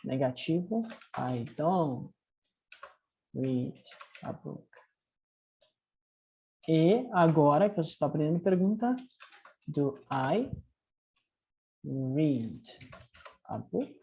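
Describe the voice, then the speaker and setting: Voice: medium pitch, very animated, warm tone, slight background noise. An English teacher with a Brazilian Portuguese accent explains grammar patiently, step by step, and checks in with students often. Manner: reads English drill sentences slowly and clearly. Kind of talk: recorded language lesson.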